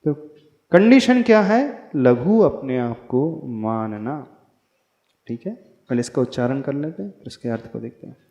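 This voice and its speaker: A man's voice: medium pitch, lively intonation, a little slow, dark tone. A man, a monk, giving a spiritual discourse and teaching recitation, chanting verses and correcting pronunciation. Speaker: Jain monk teaching a hymn. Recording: echoey hall, dull lo-fi sound.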